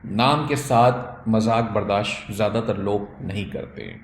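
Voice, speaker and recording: A man's voice: fairly low pitch, roomy sound, a little hiss or hum. A man with a Pakistani accent, an ecommerce trainer giving an instructional talk, mixing English phrases into his explanations and acting out example pronunciations.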